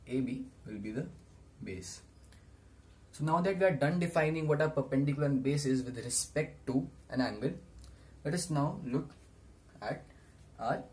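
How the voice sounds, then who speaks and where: A young man teaching maths at a whiteboard in a small room, explaining deliberately in short steps. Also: medium pitch, a little mellow. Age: teens to young adult. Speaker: maths tutor. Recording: noisy small-room camera recording.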